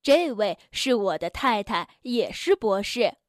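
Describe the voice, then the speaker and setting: A woman voicing a polite old male stork professor in a children's storybook, courteous and measured. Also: medium pitch, sing-song, no room sound, studio quality, voice pushed down.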